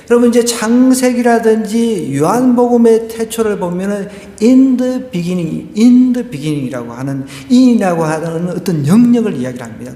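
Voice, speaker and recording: In an echoey church sanctuary, a male pastor with a high, warm voice delivers a conversational sermon. He poses rhetorical questions to the congregation and tells a humorous story as a joke.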